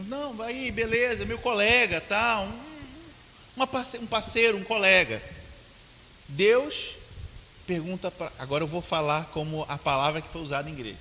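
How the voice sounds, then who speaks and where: A man preaching a sermon as pastor, swinging between quiet and loud passages. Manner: preaching with big swings in pitch and loudness. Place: church hall. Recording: church hall reverb with faint hiss.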